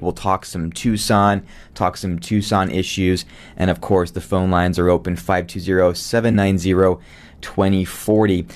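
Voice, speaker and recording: Deep voiced guy hosting morning talk radio in the studio, friendly and chatty. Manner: friendly, conversational, with filler words. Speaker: radio talk show host. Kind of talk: live radio talk show. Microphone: studio microphone.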